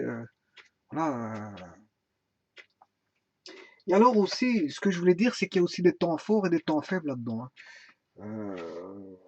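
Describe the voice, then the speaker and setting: Male music teacher, halting delivery with restarts, higher voice, dry muffled lo-fi sound. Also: slightly rough, no room sound. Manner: halting, many fillers and restarts, sings phrases slowly. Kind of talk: informal solfège lesson.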